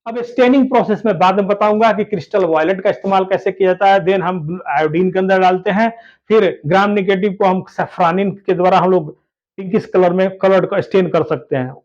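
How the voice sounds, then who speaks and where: His voice sits high with a darkish tone and runs a little fast as he explains a biology lesson at a whiteboard. He repeats key points, calls students "babu" and keeps urging them to listen carefully, on a dull lo-fi recording.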